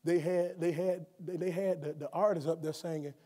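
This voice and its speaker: A middle-aged man preaching a sermon at a lectern, moving from quiet explanation to shouted emphasis and often restarting his words. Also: a little high, fairly even intonation, normal speed. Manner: stumbles and restarts often when speaking off the cuff. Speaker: guest preacher. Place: college chapel auditorium, at a lectern on stage. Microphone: lectern microphone, wide camera. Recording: long hall reverb from a large chapel.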